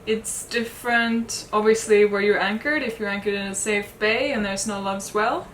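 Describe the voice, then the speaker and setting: A Swedish woman with a Swedish accent co-hosts a sailing vlog, answering questions in a casual Q&A with thoughtful candor and light hesitations. Her medium-pitched voice is fairly even, at a moderate pace, on a rough recording with an echoey room and slight hiss or hum.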